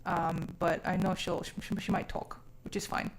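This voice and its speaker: A woman born in South Africa, who grew up mainly overseas from age six, chats casually as a live streamer. Her voice is on the low side with little pitch movement at normal speed, and her phrasing is informal and sweary though expressive. There's a little hiss or hum.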